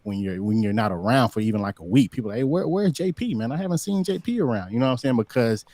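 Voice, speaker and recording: Lively talkative man in his thirties. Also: medium pitch, fast, no echo. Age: 30s. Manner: animated, preachy, lots of "you know what I'm saying". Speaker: guest. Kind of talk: casual livestream interview. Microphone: streaming setup under bright lights.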